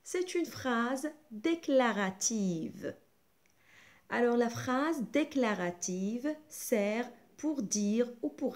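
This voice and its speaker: A woman teaching a grammar lesson to young schoolchildren, speaking slowly and clearly with wide swings of pitch. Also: darkish tone.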